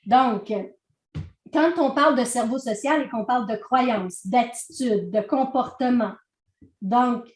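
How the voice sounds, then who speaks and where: A woman's voice: a little high, slow, roomy sound. A woman with a Québécois accent teaching a training session in a conversational way, often checking in with her audience.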